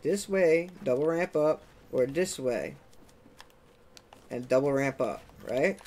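A young man who runs a gaming tutorial channel walks viewers through gameplay in a casual, chatty way. He often checks in with "okay?" and throws in "boom" sound effects.

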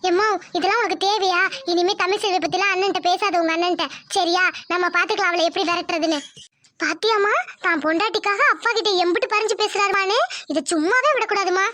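A jealous young cartoon woman, as a woman voices her, mocking and scheming, her voice pitched high and thrown a little off-mic. She rattles her words out fast. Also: steady tone, pushed and bright, no echo. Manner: mocking, scheming whispers aside. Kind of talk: cartoon dubbing.

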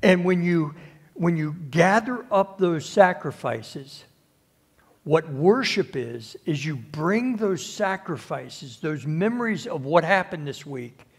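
A man preaching a conversational sermon at a church service, unhurried and often restarting or repeating his words. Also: fairly high pitch, animated, breathy edge. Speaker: pastor.

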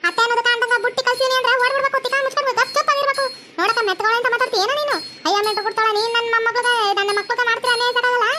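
A woman's voice: extremely high pitch, fairly even intonation, pushed and bright, a little hiss or hum, voice pushed up. A woman voicing a fierce, foul-mouthed young daughter-in-law in a cartoon, hurling insults in a North Karnataka Kannada accent. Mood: defiant. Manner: defiant, insulting, rapid. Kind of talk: cartoon voice acting.

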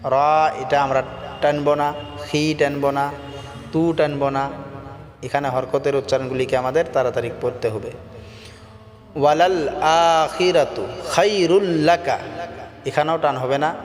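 A man with a Bengali accent teaching Quran recitation. He chants verses slowly and melodically, then explains pronunciation in quick spoken asides. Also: fairly high pitch, steady tone. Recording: long hall reverb with faint music.

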